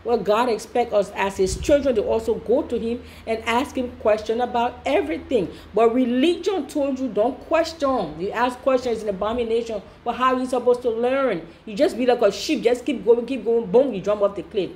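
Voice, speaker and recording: A woman's voice: on the high side, normal speed, few pauses, darkish tone, slight background noise. A woman host giving emphatic, repetitive reaction commentary, preaching about questioning things.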